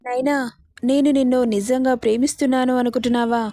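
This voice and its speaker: A woman's voice: sits high, fairly even intonation, quick pace, mellow, no echo, clean studio sound, close to an everyday voice. A woman voicing a young male college student in a spoken story, speaking dismissively. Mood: gloating. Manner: mocking then remorseful. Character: young man, a callous college prankster.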